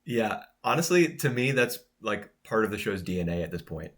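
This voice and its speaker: A man with a very low, deep voice co-hosts a casual podcast. He talks in a relaxed, chatty way and laughs easily while trading opinions. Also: normal speed. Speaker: podcast co-host. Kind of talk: casual chat reviewing anime.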